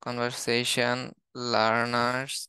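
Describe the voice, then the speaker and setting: Man slowly listing English words, flat delivery. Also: medium pitch, clean tone, no echo. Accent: Bangladeshi. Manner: steady, listing words one by one. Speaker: English teacher. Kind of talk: reading out a word list in a lesson.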